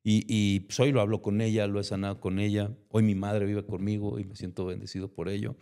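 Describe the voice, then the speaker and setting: Here a man with a Mexican accent, appearing as a guest, gives an emotional testimony and acts out conversations he remembers. He speaks fairly quickly in a fairly low, dark voice with little pitch movement.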